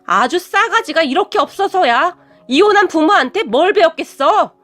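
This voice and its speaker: A woman voicing a furious, snobbish middle-aged mother who shouts with contempt. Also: extremely high pitch, animated, moderate pace, faint music behind, pitched above the performer's own voice. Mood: angry, scornful.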